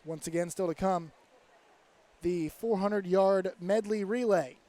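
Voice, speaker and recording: High-voiced man calling diving scores. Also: mellow. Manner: brisk, announces names and scores. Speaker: diving commentator. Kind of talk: live diving commentary.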